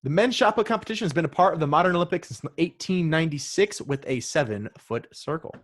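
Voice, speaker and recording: A man's voice: a little high, animated, quick pace. Casual man hosting a trivia quiz. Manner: reads quiz questions and options, joking asides. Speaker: podcast host running a trivia quiz. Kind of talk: casual podcast chat.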